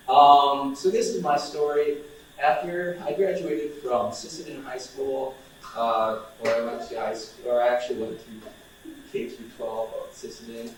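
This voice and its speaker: A man's voice: medium pitch, a little hiss or hum. Young man, casual talk to students, chatty, fillers, very echoey hall, distant mic. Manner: relaxed and chatty, many fillers and restarts. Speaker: outreach coordinator speaking to students.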